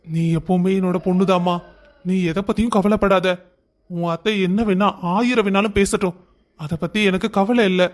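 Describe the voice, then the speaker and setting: A man voices a warm-hearted old father-in-law, gentle, high-pitched for a man. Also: fairly even intonation, normal speed, close to an everyday voice. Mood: reassuring. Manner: gentle, reassuring. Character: kind elderly father-in-law, gentle and protective.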